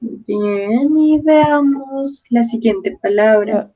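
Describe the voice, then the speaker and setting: A woman leads a Spanish lesson in a fairly high voice, slowly and patiently, pronouncing each word with care. The sound is dull and lo-fi, like a call recording. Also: warm tone. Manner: slow, patient, clearly articulating each word. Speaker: Spanish teacher. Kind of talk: online language lesson.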